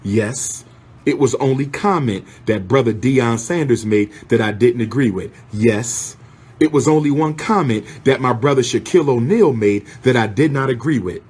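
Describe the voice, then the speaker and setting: A man's voice: mid-range voice, breathy edge. A man giving impassioned, sermon-like commentary, fiery and repetitive as he calls people out one after another.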